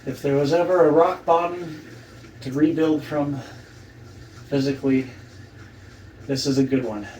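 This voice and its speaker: Guy weak and sore after surgery, slow halting casual vlog talk, echoey and kinda far from the mic. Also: fairly high pitch, fairly even intonation, darkish tone. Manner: halting, trailing off, with long pauses. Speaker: vlogger documenting own surgery recovery. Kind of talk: casual recovery vlog, talking to camera. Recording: roomy, distant mic, faint background noise.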